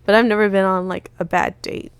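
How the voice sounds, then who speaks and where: A woman's voice: medium pitch, steady tone, a little fast, clean tone, dry recording. A woman co-hosting a casual chat, telling a long story in a rambling way and acting out what people said. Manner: rambling, retells with quoted dialogue. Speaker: podcast co-host.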